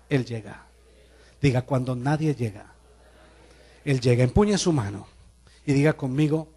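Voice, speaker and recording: An emphatic male pastor preaches a sermon in a fairly high voice. He drives his congregation through call-and-response phrases with exhorting energy. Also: breathy edge. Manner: leads the congregation in repeated call-and-response declarations. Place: church service.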